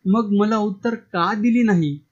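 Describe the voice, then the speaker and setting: A bold, indignant village official, voiced by a man in a storybook reading, pressing his case with force. His voice sits high. The recording is dull and lo-fi. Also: unhurried. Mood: defiant. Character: defiant middle-aged male village official.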